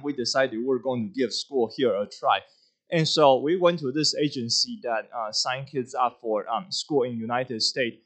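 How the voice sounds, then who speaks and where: A man's voice: mid-range voice, fairly bright tone. Earnest man from Taiwan giving testimony. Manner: earnest, halting with many fillers. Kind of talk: church testimony.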